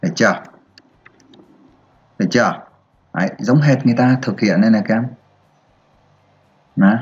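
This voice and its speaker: A male math teacher explaining a lesson to children step by step, checking in often to make sure they follow. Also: lowish voice. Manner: slow, step-by-step explaining with frequent check-ins to pupils.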